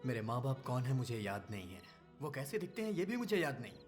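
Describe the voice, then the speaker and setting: A man's voice: medium pitch, sing-song, fast talker, over music, close to an everyday voice. A man playing an earnest young devoted son. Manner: earnest, pleading. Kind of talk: Hindi film dub.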